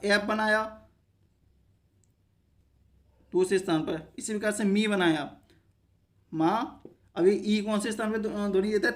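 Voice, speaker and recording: A shorthand lesson is led by a man with a high voice who breaks each step into short self-posed questions and answers. He regularly pauses to confirm that his viewers follow along.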